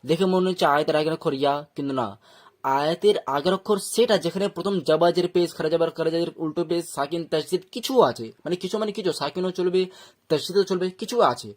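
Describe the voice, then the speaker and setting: A man's voice: fairly high pitch, fast, a little mellow. A man with a Bengali accent teaching Quran reading step by step, breaking words into syllables and often checking that learners follow. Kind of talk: step-by-step recitation lesson.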